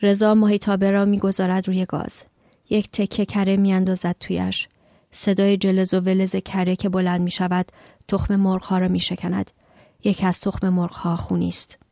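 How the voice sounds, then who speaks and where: Woman reading a story, slight vocal fry. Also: medium pitch, monotone, dark tone, no room sound, studio quality. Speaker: author reading her own story.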